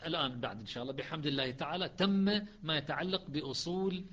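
A man teaching the variant readings of the Quran, chanting verses slowly and then explaining them in quick speech. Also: on the high side, a bit bright, lo-fi sound.

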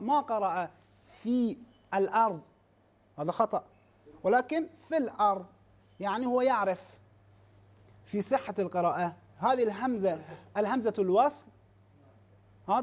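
Speaking in a mid-range voice with a darkish tone, a teacher delivers a class lecture. Rhetorical questions and "ha?" check-ins come often, and the speech is halting, with restarted words as lists of terms are laid out slowly.

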